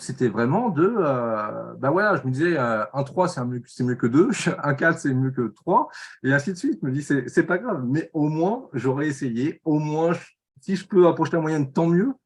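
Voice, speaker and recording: A man speaking casually in a tutoring session, sharing his own exam experience in a candid, self-deprecating way, often halting and restarting. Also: medium pitch, breathy edge. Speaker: former student sharing exam advice.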